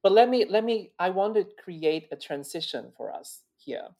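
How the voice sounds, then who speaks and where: In an interview, a male opera singer from China talks with animation at a moderate pace, his high voice carrying a slight mellowness. He reflects earnestly, often restarting sentences and repeating himself.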